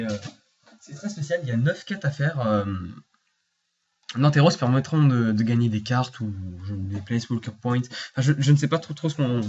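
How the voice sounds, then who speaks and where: A man's voice: medium pitch, darkish tone. A man chatting informally to his viewers as he explains a card game, meandering from point to point. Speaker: card game video creator. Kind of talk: casual explainer talking to viewers. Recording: slightly muffled lo-fi recording.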